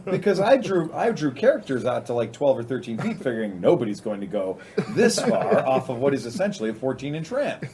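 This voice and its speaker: A man's voice: mid-range voice, a little fast, a crowd in the background. A man hosting a casual group chat, telling stories with crude humor and frequent laughter. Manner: animated storyteller, laughs often, crude humor. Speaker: podcast host.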